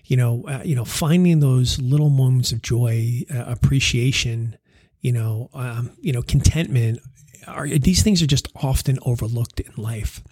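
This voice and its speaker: A man with a slightly husky voice tells a family story in a loose, rambling way, full of "you know" and "right?" asides. He chuckles at his own mishaps and then turns reflective. The sound is close and dry. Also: medium pitch, normal speed, a little mellow, dry recording. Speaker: parent telling a family story. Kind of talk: casual personal storytelling turning reflective.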